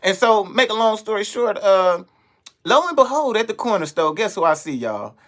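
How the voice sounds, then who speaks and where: A young adult man, a comedian, telling a story in an animated, profane way and acting out the voices of the people in it. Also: high voice, moderate pace. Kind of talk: storytelling monologue.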